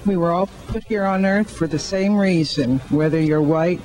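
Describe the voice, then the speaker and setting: A woman's voice: fairly low pitch, moderate pace, poor audio. An older woman speaking in a friendly, earnest way into a handheld mic in a shopping mall. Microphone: handheld mic held by interviewer.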